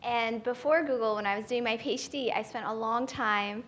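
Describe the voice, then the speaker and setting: A woman's voice: on the high side, moderate pace, fairly bright tone. A woman from Ethiopia speaking as a panelist at a conference forum, thinking aloud with many fillers and restarts and ending points with "right?". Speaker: panelist, AI researcher. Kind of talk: conversational panel talk.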